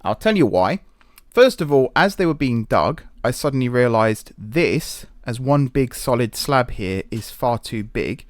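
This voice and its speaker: A man's voice: mid-range voice, animated, unhurried, clean studio sound. A man giving casual gameplay commentary, thinking aloud in a self-deprecating way, recorded in an echoey, sparsely furnished office. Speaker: gaming video host. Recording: echoey room with little furniture.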